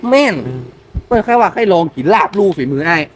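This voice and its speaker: A man's voice: high voice, lively intonation, brisk, slight background noise. A man with a Northern Thai accent chatting casually as he relays what someone else said. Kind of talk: casual chat. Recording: loud music over the voice.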